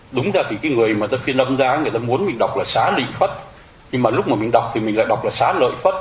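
A man gives a dharma talk at a quick clip, explaining terms and turning to his listeners with rhetorical questions. His voice rings in a roomy, echoey space. A faint ambient hum sits behind him. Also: medium pitch. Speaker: Buddhist monk teacher. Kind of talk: dharma talk to lay followers.

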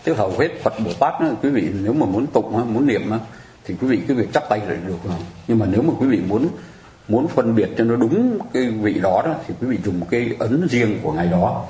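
A man's voice: mid-range voice, expressive, a little fast, warm tone, roomy sound, slight background noise, poor audio. A man teaching Buddhist practice in a patient, conversational way, often asking listeners if they follow. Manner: patient, explanatory, keeps asking listeners to agree. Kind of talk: conversational teaching on mudras and mantras.

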